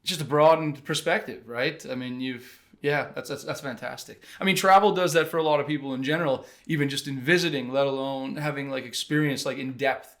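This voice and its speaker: A man's voice: medium pitch, steady tone, fairly quick, hardly any pauses. A man co-hosting a podcast, asking questions with eager, emphatic enthusiasm. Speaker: podcast co-host. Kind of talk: casual interview chat.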